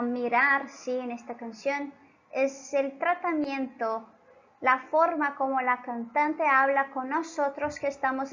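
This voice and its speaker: A woman's voice: high voice, fairly bright tone. A woman who is a native Portuguese speaker, teaching a Spanish grammar lesson patiently and often checking in with her students. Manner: patient, keeps checking in with listeners. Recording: dull lo-fi recording.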